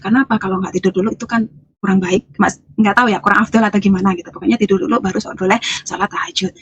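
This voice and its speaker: A woman's voice: mid-range voice, fairly even intonation, rapid-fire, lo-fi sound, slight background noise. A woman from Lampung giving an earnest, emotional personal testimony in an interview, often hesitating, restarting and repeating her phrases. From Lampung, Indonesia. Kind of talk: personal testimony, casual speech.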